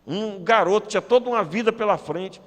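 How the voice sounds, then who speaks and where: A Brazilian man with a Brazilian Portuguese accent delivers a sermon in a slightly high voice. He leans hard on key words, slowing down to drive them home, and drops in joking asides. His voice carries a long reverb from a church hall. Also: fairly bright tone. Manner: emphatic preaching that slows down to stress key words, with joking asides. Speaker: pastor.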